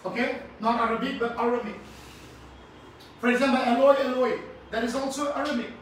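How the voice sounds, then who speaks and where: A man's voice: very high-pitched, steady tone, fairly quick. A man with an Indian English accent preaching a sermon, emphatic and repetitive, calling on the congregation to answer him. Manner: emphatic, repeats phrases, asks congregation to respond. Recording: very echoey hall, from far off, faint noise.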